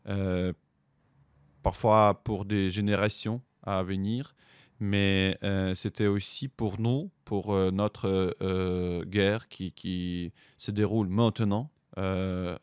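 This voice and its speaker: A middle-aged Ukrainian man speaking French with a Ukrainian accent as a podcast interview guest, hesitant, with many pauses and fillers. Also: deep voice, clean tone, no echo, clean studio sound. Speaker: guest, writer and soldier.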